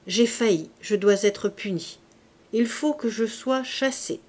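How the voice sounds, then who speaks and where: Stern sad police inspector guy, low and quiet, cold measured talk, read by a woman, slow storybook reading. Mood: solemn. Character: stern, grave male police inspector, solemn.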